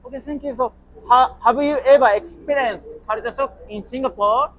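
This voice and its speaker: A man's voice: very high voice, moderate pace, fairly bright tone, muffled recording. A man, interviewing people on the street with short, repeated questions. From Japan. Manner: short repeated questions, frequent brief acknowledgements.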